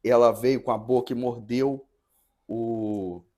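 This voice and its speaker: Recounting a story on a podcast, this parish priest comes across as earnest, pausing haltingly and beginning again many times. His tone is steady and somewhat dark, at a medium pitch.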